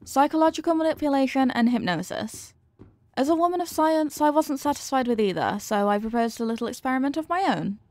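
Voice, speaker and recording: Playing an earnest young scientist who's fond of her test subject, a woman addresses the listener in a scripted roleplay, explaining things in formal, exact, clinician-like language. Her voice sits a touch high and a little mellow, brisk and lively in intonation, her mood earnest. The recording is very dry, without any room sound.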